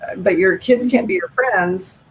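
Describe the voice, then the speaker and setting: A woman's voice: mid-range voice, a little slow, slight background noise, poor audio. Frank, opinionated middle-aged woman. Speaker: author guest. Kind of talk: conversational live video interview. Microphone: video call.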